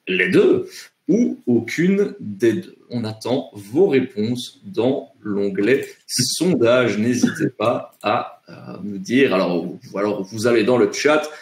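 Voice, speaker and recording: A man moderating a live education webinar, unhurried, with drawn-out fillers between phrases. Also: on the low side, expressive, a little mellow, roomy sound.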